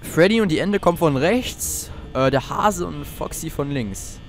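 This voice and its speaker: A man's voice: fairly high pitch, animated, measured pace, faint music behind. A teenage boy playing a horror game, jumpy and swearing often as he talks to his viewers. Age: teens. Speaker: let's player.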